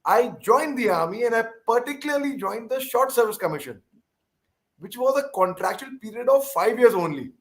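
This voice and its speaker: A man's voice: very high-pitched, animated, normal speed. A man with an Indian English accent speaks conversationally in an interview, deferential, emphatic and given to repeating himself. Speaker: interviewer and former army officer.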